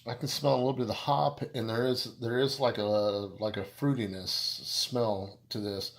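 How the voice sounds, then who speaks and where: A man talks through a beer review in a casual, meandering way, and his voice sits a little low. He keeps stopping and restarting his sentences and padding them with fillers. He slips in self-deprecating jokes as he goes. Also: fairly even intonation. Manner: rambling, halting, with many restarts and fillers.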